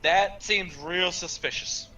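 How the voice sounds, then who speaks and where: A man's voice: high-pitched, slow pace, bright, forceful tone, far from the mic, low-quality recording. A man playing a tabletop game, talking in a casual, questioning way. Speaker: player.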